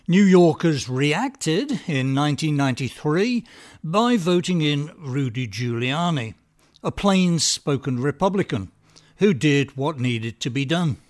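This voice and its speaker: Slow, sardonic male commentator. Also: a little high, expressive. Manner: dry, sardonic, measured delivery. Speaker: podcast commentator. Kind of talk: scripted political commentary.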